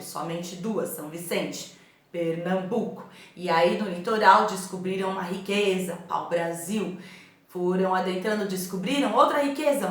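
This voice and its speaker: A Brazilian woman teacher recording a remote lesson from home, chatty and encouraging, often checking in with her pupils. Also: mid-range voice. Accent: Brazilian Portuguese. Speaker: schoolteacher. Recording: very echoey room at home.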